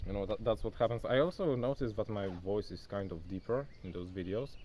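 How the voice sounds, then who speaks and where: With a low, darkish voice and a brisk pace, a young man chats into his phone for a casual outdoor vlog at a rural spot near a forest. He isn't a native English speaker, keeps it loose, and calls the viewer "bro." There's slight background noise along with faint insects and nature sounds.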